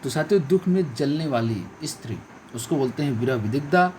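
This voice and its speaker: A man's voice: mid-range voice, animated, brisk, darkish tone, slight background noise. A male coaching teacher giving an online exam-prep lesson, stressing each key word and repeating the correct answer. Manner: addresses viewers as friends and companions.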